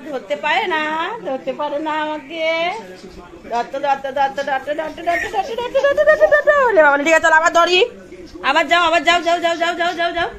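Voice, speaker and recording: High, bright woman in playful baby talk. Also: flat delivery, brisk. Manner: playful, coaxing, sing-song repetition. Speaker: mother playing with her toddler. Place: at home.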